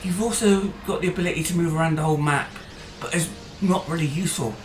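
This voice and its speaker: Talking fast in a mid-range voice, this gaming channel host chats and rambles through his gameplay commentary, stumbling over fillers and restarts. His voice grows tired, and the room echoes, with faint music and slight background noise.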